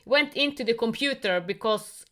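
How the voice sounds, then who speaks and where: A woman hosting a casual online conversation who speaks earnest, halting English full of spiritual talk. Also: fairly high pitch, animated, fairly bright tone. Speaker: host. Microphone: online call.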